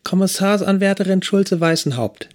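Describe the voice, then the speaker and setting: A woman's voice: medium pitch, brisk, darkish tone, voice pushed up, lightly acted. A man voicing a cheeky young female police trainee who mocks her boss. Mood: mocking. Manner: sassy, mocking. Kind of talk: audiobook acting.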